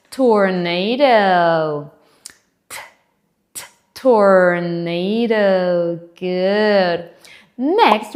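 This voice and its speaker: Very slow-paced woman teaching phonics. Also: medium pitch, darkish tone. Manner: slow, exaggerated sounding-out of letters; encouraging, asks children to repeat. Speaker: English teacher for children. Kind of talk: children's phonics lesson.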